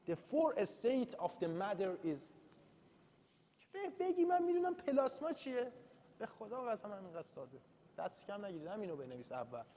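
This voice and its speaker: With a high but darkish voice, the university lecturer keeps his classroom study session light and chatty, laughing at himself and reading English terms aloud. Echo fills the room, and a faint hum of noise remains.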